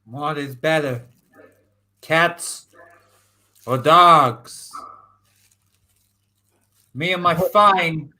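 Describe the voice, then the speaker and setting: A man playing a smooth, mock-friendly mob boss. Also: on the high side, drawn-out words, pauses often, pushed and bright, full character voice. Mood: silkily menacing. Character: tall menacing male New York mob boss with a pet snake. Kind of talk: improvised comedy scene.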